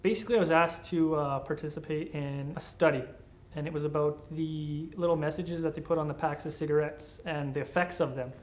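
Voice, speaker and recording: A man's voice: fairly high pitch, steady tone, fairly quick. A man in his early twenties giving earnest, conversational interview answers. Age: 20s.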